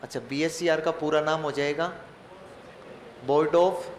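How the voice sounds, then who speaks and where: Male teacher, slightly high voice, quizzing himself aloud, joking asides, roomy echo. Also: steady tone, unhurried. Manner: joking, mock-dramatic asides; asks questions and answers them himself. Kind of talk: online exam-prep class. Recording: echoey room with faint ambient noise.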